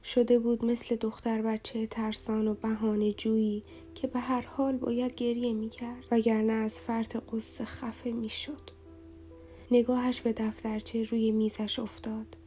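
A woman reading a romance novel aloud as an audiobook narrator in a slow, somber, even way. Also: a little high, soft background music.

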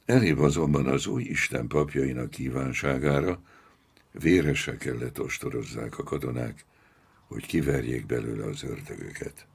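A man narrating a novel as an audiobook, measured and dramatic. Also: very deep voice, gravelly, husky. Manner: slow, measured, dramatic storytelling.

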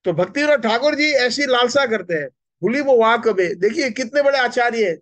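In a temple hall indoors, a spiritual speaker with a high voice gives a brisk, animated Hindi devotional lecture, gesturing and questioning the audience. His stand mic is close to his mouth, and there's no echo.

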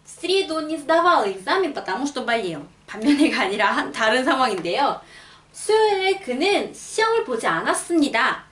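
A young woman teaching a language lesson, explaining patiently and reading example sentences slowly and clearly. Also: sits high, very animated, a bit bright. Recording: roomy, a bit far from the mic.

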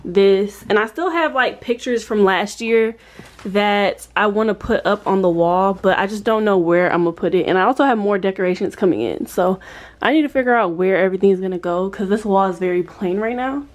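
A woman's voice: medium pitch, fairly quick, low-quality recording. A woman, chatting casually to viewers in a vlog from her college apartment bedroom. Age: 20s. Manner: chatty, addresses viewers as y'all. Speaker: vlogger.

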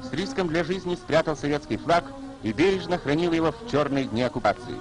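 A man reads scripted wartime narration as a 1940s newsreel voice-over, solemn and declamatory in announcer style. His voice is on the high side, animated and a little fast, set over an orchestral score, and the audio quality is poor.

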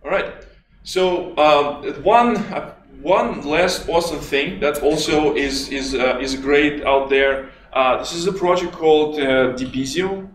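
A man with a Russian accent giving a conference talk, halting with many restarts and fillers. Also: fairly high pitch, slight background noise. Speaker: conference speaker. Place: conference hall. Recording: echoey hall from far off.

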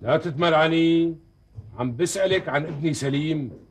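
A man playing a stern, quick-tempered Damascene father. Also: a little high, slight background noise, close to an everyday voice. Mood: angry. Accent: Damascene Arabic. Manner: harsh, accusing and commanding. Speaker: neighbourhood elder and father.

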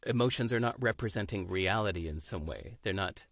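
A man in his fifties from the United States chats as a guest on a video call from a room at home, thoughtful, searching for words and laughing easily in this casual interview. His fairly low, a bit bright voice moves briskly, with clean studio sound and no echo.

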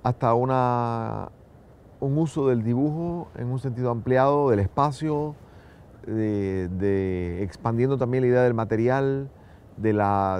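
A man from Ecuador, an artist, describing his drawing workshop in a halting way, often searching for words. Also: medium pitch, warm tone, clear, resonant tone. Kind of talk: documentary interview.

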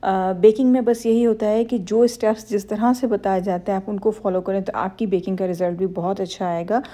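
A woman's voice: mid-range voice, steady tone, a little fast, mellow. A woman hosting a cooking channel, giving a step-by-step baking lesson in a reassuring, instructive voice-over. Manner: instructive, reassuring, addresses women viewers directly.

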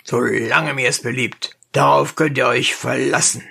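Indignant dentist , read by the narrator, blustering, gravelly, slow. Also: mid-range voice, fairly even intonation, pushed and bright, full character voice. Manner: blustering, emphatic. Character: indignant male dentist, hot-tempered. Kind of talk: audiobook narration.

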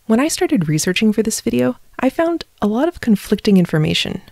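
A woman host narrating history from a script, with wry, conversational asides on a low-budget home mic. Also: very animated, a little fast, creaky, darkish tone, dry recording, clean studio sound.

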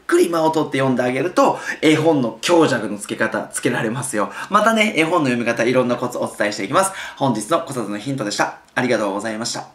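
A man's voice: mid-range voice, fast talker, few pauses. A man coaching parents on reading aloud, his voice rising and falling freely as he explains. He keeps things casual and conversational, with easy asides. The sound is roomy and echoey. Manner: lively, chatty, with casual asides. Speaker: childcare educator.

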